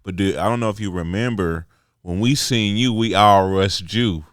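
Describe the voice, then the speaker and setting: Smooth low-voiced man in his forties. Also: moderate pace, no echo, clean studio sound. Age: 40s. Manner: laid-back, short affirmations, slangy. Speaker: podcast host. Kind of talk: casual interview chat.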